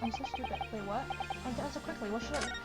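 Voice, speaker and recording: A woman with a slightly high voice talks at a racing pace over loud game music. Live-streaming a game from her bedroom, she reads dialogue aloud and reacts dramatically and casually, exclaiming as she talks to herself.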